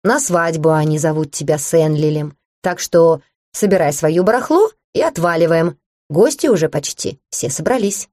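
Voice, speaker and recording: A woman voicing a cheeky, rude young male dragon with a small hoarse voice in an audiobook. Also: deep voice, animated, normal speed, darkish tone, no room sound. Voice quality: hoarse little voice. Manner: rude, slangy, brash. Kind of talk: audiobook reading.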